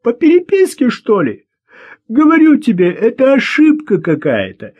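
A man voicing a brash, mocking young man who jeers and shouts in an audiobook. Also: very high voice, wildly swooping pitch, moderate pace, slightly rough, lo-fi sound, pitched above the performer's own voice, full character voice. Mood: jeering. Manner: jeering, shouting, cackling. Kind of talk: audiobook character voice.

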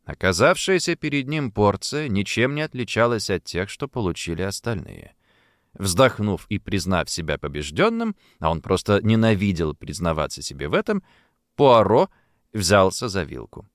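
A man narrating a mystery audiobook in an expressive, varied reading. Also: sits low, no room sound, clean studio sound.

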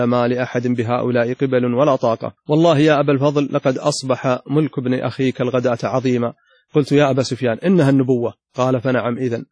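A male scholar reads a classical text aloud at a brisk clip and pauses to restate passages with extra emphasis. His voice sits at a middle pitch and is recorded close and dry, with no room sound. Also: a little mellow, dry recording. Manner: reads passages, then restates them in his own words with added emphasis. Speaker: Islamic scholar teaching a lesson.

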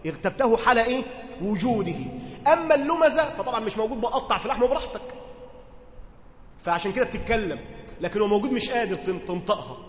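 A man's voice: sits high, expressive, fast, echoey room, long reverb tail. A man with an Egyptian accent teaching a religious lesson. He reads the classical text, then explains it in casual dialect and keeps asking his listeners whether they follow. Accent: Egyptian Arabic. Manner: conversational, asks listeners questions to check understanding. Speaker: teacher explaining Quran commentary.

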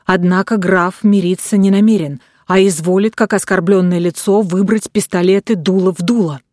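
A woman's voice: mid-range voice, steady tone, normal speed, a little mellow, no room sound, clean studio sound, close to an everyday voice. A woman reading the part of a self-important young male lieutenant acting as second, officious in manner.

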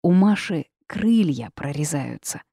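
A woman's voice: low-pitched, lively intonation, a little slow, mellow, husky, no room sound, studio quality, exaggerated voice. A woman voicing a teasing, know-it-all male phoenix bird in a storybook reading. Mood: amused.

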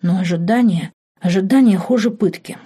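A woman narrating an audiobook in an expressive, dramatic reading. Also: mid-range voice, moderate pace, husky. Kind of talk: scripted narration.

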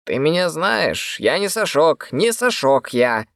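A man's voice: medium pitch, expressive, measured pace, gravelly, no echo, clean studio sound. A man voicing a tired, irritable long-haired young man who grumbles in exasperation. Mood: exasperated. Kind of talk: audiobook character voice.

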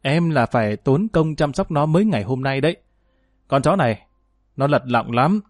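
A man's voice: a little high, lively intonation, moderate pace, no room sound, natural voice. A man voicing a sly, cruel male gang boss who taunts with false politeness, recorded dry. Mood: smug taunting.

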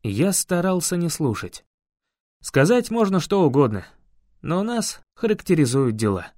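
A man's voice: on the high side, unhurried, no echo. Male fantasy audiobook narrator, dry sound. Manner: steady storytelling, voices each character.

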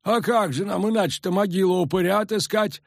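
Storybook peasant elder, pushy and superstitious, rustic talk, high strained voice, a man putting him on. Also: a little fast, creaky, no room sound, studio quality. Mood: insistent. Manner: rustic folksy speech, insistent.

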